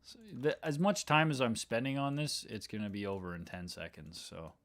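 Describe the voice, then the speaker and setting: A man's voice: fairly low pitch, lively intonation, moderate pace, fairly bright tone. Man thinking aloud while editing. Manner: thinks aloud, trails off and restarts. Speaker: video editor. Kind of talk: casual livestream talk while editing.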